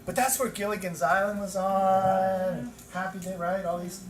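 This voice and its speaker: A man in his fifties tells lively stories as he lectures a class of teachers. His voice carries from a distance in an echoey room. Steady noise hangs behind him. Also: high voice, moderate pace. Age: 50s. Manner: animated storytelling, repeats words for emphasis. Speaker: teacher trainer. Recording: echoey room from far off, noisy.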